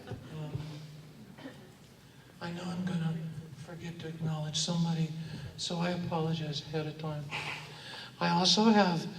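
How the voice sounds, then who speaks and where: A man from Oakland speaking informally to a gathered audience, thanking guests, with many pauses and fillers. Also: a little high, steady tone. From Oakland, California. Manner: halting, frequent pauses and fillers. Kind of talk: informal public address to an audience. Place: large hall with an audience. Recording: echoey hall, distant voice, clear room noise.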